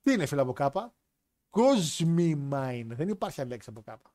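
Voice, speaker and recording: A young man from hosting a wrestling show, joking in a lively, slangy way. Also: mid-range voice, dry recording, studio quality. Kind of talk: casual chat reading chat comments.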